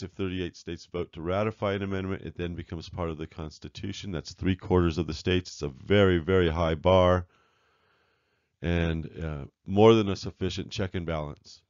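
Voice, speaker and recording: A man narrating a slide-show lecture as the author of a book, speaking in a measured, earnest way with occasional fillers and restarts. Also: deep voice, no echo, dull audio. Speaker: author presenting his book.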